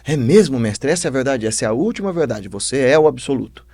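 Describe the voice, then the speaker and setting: A man with a Brazilian accent voicing a patient older spiritual master who teaches in a measured tone. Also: medium pitch, lively intonation, darkish tone, dry recording.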